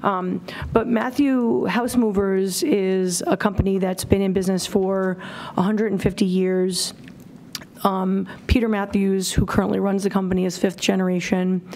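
Speaking at a moderate pace in a level, darkish mid-range voice, a middle-aged town services director presents findings at a public committee meeting. Her delivery is plain and informal with lots of fillers, recorded on a desk mic in a town hall auditorium.

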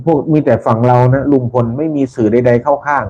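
A man hosting a casual live stream for his followers, talking politely and repeating himself, with soft polite particles at the ends of his phrases. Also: medium pitch, fairly even intonation, a little fast. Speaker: channel host. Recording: dull lo-fi sound with faint background noise.

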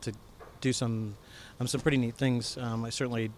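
A middle-aged coach speaks into a handheld mic in a bowling alley after a match. His tone stays flat and he halts on many fillers and restarts, with faint hall noise behind him. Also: mid-range voice, normal speed. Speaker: head coach. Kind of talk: post-game interview. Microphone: handheld microphone.

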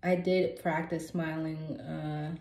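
A woman in her thirties talks through a freshly fitted partial denture in a casual vlog. Her voice sits a little low, with a soft, mellow tone. The sound bounces around an echoey room. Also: little pitch movement, slow pace. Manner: rambling, filler-heavy, self-conscious. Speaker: vlogger.

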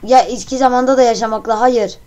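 A woman's voice: on the high side, fairly even intonation, fast talker, dark tone. A woman hosting her own channel, casually talking through a guessing game while giggling and joking crudely. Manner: giggly, answers questions aloud and jokes crudely.

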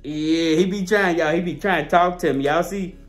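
A man's voice: a little high, moderate pace, soft background music. A man hosting a casual family vlog at home, teasing and cooing at a baby before speaking straight to viewers. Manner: playful baby talk to an infant, then a direct address to viewers. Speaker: vlog host.

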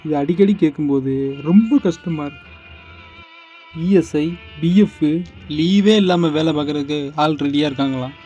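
A man's voice: normal speed, long pauses, warm tone, soft background music, close to an everyday voice. An actor playing a father who was humiliated at work, speaking in a hurt, weary way. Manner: hurt, weary, low-spoken. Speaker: father of two daughters. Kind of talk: family short-film drama.

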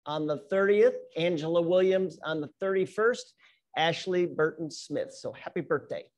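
This is a man leading an office team meeting, his voice sitting slightly high. He moves through announcements and birthday shout-outs in an upbeat, teasing way, checking in with the room with quick "right?" asides. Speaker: meeting leader.

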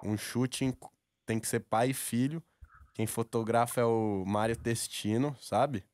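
A Brazilian man in his twenties works as a radio prank caller, chatting casually, coaxingly and in slang into a studio microphone on a desk stand in a radio studio. The call is a laid-back, persuasive phone prank. His medium-pitched voice is fairly even, unhurried and darkish, with no room sound.

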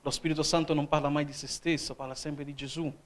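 An Italian evangelist preaches a sermon in a church hall, his male voice pitched a bit higher than usual, his tone level and his pace quick. Between points he keeps checking in with the congregation, frequently calling out "Amen?"

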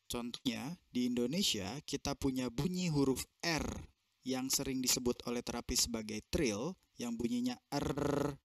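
A man's voice: medium pitch, normal speed, dry recording, studio quality. A man giving consecutive interpretation of a seminar over a video call, translating phrase by phrase with fillers and self-corrections.

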